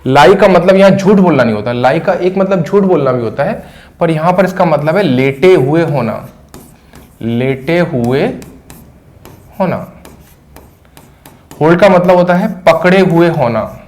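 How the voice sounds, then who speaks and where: Slow-explaining teacher. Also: male voice, on the high side, animated, a little mellow. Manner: explains slowly, repeats phrases word by word. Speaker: English grammar teacher. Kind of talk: classroom grammar lesson.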